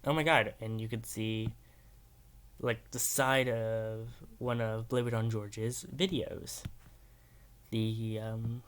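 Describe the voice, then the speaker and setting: A man's voice: on the low side, level tone, takes it slowly, a bit bright, clear, resonant tone. A man hosting a casual video reaction, rambling and hesitant, with many filler words. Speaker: YouTube reaction host.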